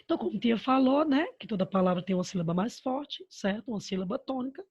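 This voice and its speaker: A woman's voice: a little high, expressive, fast, darkish tone, husky, no echo, highs cut off. A woman teaching a primary school grammar lesson over slides with a Brazilian Portuguese accent, patient and affectionate, answering her own rhetorical questions. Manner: patient, addresses pupils with diminutives and "my love".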